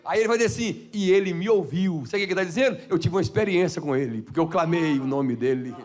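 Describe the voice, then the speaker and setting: A Brazilian pastor with a Minas Gerais accent, preaching a fervent Pentecostal sermon in a church, swinging from shouted praise to hushed asides. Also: male voice, sits high, fast. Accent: Brazilian Portuguese, Minas Gerais.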